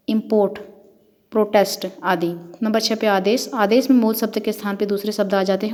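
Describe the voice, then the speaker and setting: A woman's voice: medium pitch, darkish tone. A woman professor giving an academic lecture, working methodically through numbered points and examples. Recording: long hall reverb.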